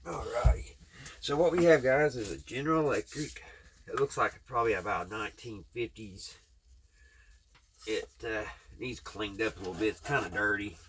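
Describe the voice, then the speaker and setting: The recording is rough, with slight hiss or hum, capturing a fairly low, fairly bright voice at normal speed. It belongs to a Kentucky-born hobby repair channel host with a Southern accent who rambles folksily and plainly to his viewers while doing handwork.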